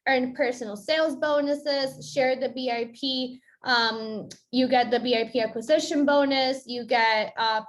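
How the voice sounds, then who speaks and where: A young woman from Colombia presenting a business onboarding, explaining step by step and checking in with her listeners. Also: high voice. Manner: upbeat, checks in with "okay?".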